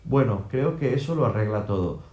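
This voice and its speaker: A man voicing a matter-of-fact police officer who speaks plainly and calmly, in a roomy-sounding recording. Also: lowish voice, moderate pace, lo-fi sound, a little hiss or hum, natural voice. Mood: businesslike. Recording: roomy echo.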